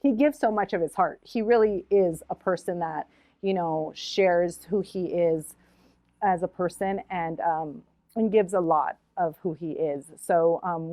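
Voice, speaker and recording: Middle-aged woman talking about a friend, heartfelt, lots of ums, lowish voice, dry close sound. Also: darkish tone, dry recording. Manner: earnest, heartfelt, with frequent hesitations. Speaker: community art shop and gallery organizer. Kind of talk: documentary interview.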